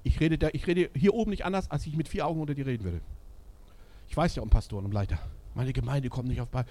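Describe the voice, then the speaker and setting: A middle-aged man from Schleswig-Holstein preaching a sermon in a church service, blunt and direct, swinging between loud emphasis and quiet asides. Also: a little high, very animated, rapid-fire. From Schleswig-Holstein, Germany.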